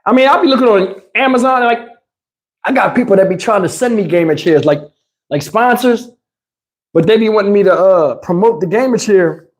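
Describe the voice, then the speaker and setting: A man with a high-pitched, expressive voice talks a little fast to his livestream audience. He rambles casually, slipping into slang and swearing without restraint.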